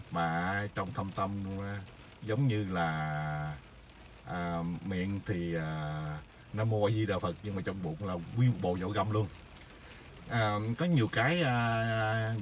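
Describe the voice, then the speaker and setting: Low-voiced man, rambling. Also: fairly bright tone, a little hiss or hum. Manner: rambling, many filler pauses. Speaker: vlogger sharing stories. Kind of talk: casual storytelling monologue.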